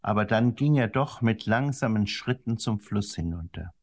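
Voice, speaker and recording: A man narrating a children's story in a gentle, expressive way. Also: moderate pace. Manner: gentle and expressive, varies the pitch to suit the story. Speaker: audiobook narrator.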